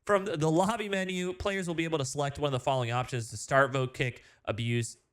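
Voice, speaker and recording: A gaming video host reads game update notes aloud and reacts to them, sounding sleepy early in the morning. His voice is fairly high, steady, a bit bright, and fast, and his chatty delivery is full of fillers and restarts.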